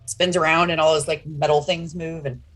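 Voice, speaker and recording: A woman's voice: deep voice, flat delivery, moderate pace. A woman chatting as a player in a tabletop game, rambling with many fillers. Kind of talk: casual chat at a tabletop game.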